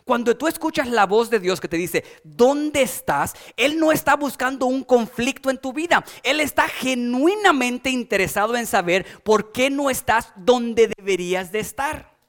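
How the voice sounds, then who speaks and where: A man with a notably high voice delivers a sermon from the pulpit. He builds his points through repetition with rising emphasis, then drops into soft, low asides. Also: lively intonation, normal speed. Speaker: pastor.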